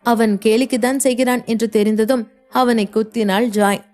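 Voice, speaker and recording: A woman narrating a novel in a steady storytelling manner. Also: a little high, normal speed. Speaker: audiobook narrator. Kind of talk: scripted narration.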